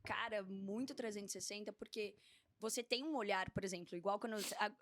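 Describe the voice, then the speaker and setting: A woman from São Paulo state, Brazil, hosting a casual podcast chat, chatty and agreeable with quick interjections. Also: mid-range voice, steady tone, fairly bright tone, dry recording. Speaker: podcast host.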